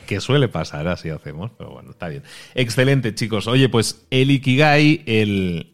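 A man from Spain hosting a podcast interview with a Spain Spanish accent, talking in an animated, casual way. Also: on the low side. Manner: animated, uses Spanish exclamations like ostras and hostia. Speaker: podcast host.

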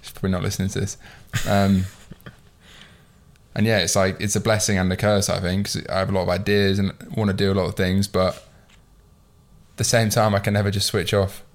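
A man's voice: sits low, little pitch movement, moderate pace. A man in his twenties hosting a podcast, chatting casually, swearing freely and reflecting on himself. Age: 20s. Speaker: podcast host. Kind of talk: casual chat.

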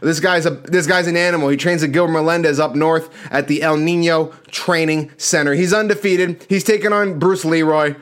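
A man with a somewhat high-pitched voice delivers casual sports commentary. He talks through his fight picks conversationally, leaning hard on key words and using plenty of slang. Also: fairly even intonation, normal speed, hardly any pauses, fairly bright tone. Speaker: sports show host.

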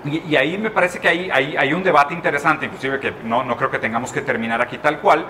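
A man's voice: on the high side, quick pace, sharp tone, slight background noise. A man from Brazil in a casual chat, reflective and thinking aloud with many restarts.

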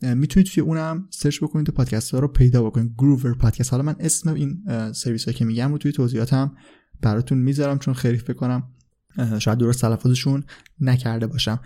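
A man's voice: mid-range voice, steady tone, warm tone. A male podcast host giving a casual, unscripted explanation, with frequent filler sounds and small self-corrections.

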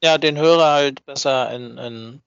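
With a gravelly yet clear and resonant medium-pitched voice, a man speaks unhurriedly as co-host of a fan podcast about a hobby production. He's casual, hunts for words and frequently seeks agreement. The recording is close, dry and slightly dull, with no room sound.

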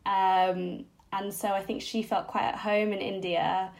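A woman's voice: mid-range voice, little pitch movement, a little slow, gravelly. A woman, a podcast guest recalling her childhood in a reflective, hesitant way with many fillers. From Singapore-born, raised abroad. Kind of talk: personal storytelling interview.

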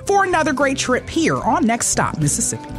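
A man hosting a radio show, chatting casually and reading announcements in an upbeat, brisk way from a studio. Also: very high-pitched, wildly swooping pitch, music in the background.

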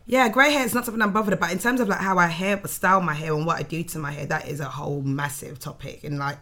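A London-accented woman talks quickly in a bright, forceful voice. She chats informally and emphatically, with slang and repeated phrases. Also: low-pitched, fairly even intonation. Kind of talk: casual chat.

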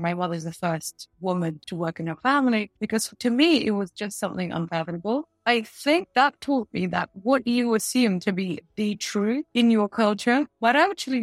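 A woman in her forties, from Russia, answering interview questions in a confident, measured way with light laughs. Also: mid-range voice, no echo. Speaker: guest, tech company founder.

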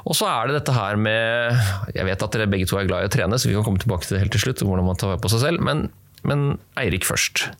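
A man's voice: on the low side, dry recording. A man hosting a podcast, introducing guests and asking questions conversationally. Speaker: podcast host.

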